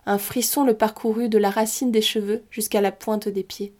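Measured storytelling woman, mellow tone. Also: medium pitch. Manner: measured, expressive reading. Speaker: storyteller and host. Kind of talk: storybook narration.

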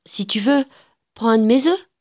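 A woman's voice: fairly high pitch, animated, normal speed, a little mellow, voice pushed up, close to an everyday voice. A woman reading a story aloud and voicing a polite but sly little girl in a light, sweet voice.

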